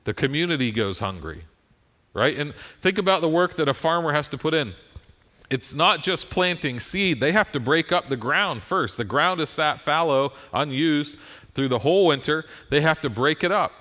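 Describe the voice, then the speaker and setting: A man's voice: on the high side, expressive, normal speed, sharp tone. An American man giving a conversational sermon in a folksy, self-deprecating manner, often checking in with his listeners. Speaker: preacher.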